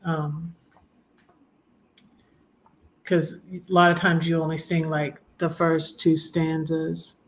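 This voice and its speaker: A woman in her fifties chatting on a live stream, rambling with many pauses and fillers, sometimes singing a hymn line slowly. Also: low voice, level tone, slight background noise. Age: 50s. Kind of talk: casual live chat.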